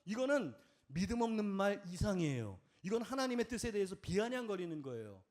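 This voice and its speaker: A male pastor preaching a live sermon at a church worship service, speaking emphatically and breaking into shouted hallelujahs. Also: high voice, very animated, fairly quick.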